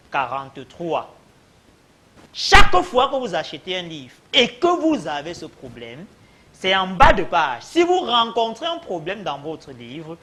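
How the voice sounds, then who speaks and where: Slow, lively male primary teacher. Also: high-pitched. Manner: slow, drawn-out sounding of syllables; addresses the class as friends. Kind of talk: children's reading lesson.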